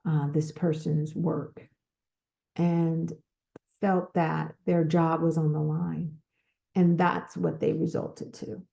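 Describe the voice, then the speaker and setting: Slow-speaking woman with a dark voice. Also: deep voice, creaky. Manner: slow, repetitive, with pauses and restarts. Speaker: podcast host. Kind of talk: casual advice talk.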